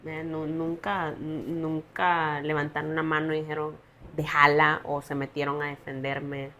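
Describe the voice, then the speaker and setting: A young woman, telling her personal story as a podcast guest in an earnest, halting way. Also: low voice, flat delivery, fairly bright tone, dull audio, slight background noise. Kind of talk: personal testimony in a podcast interview.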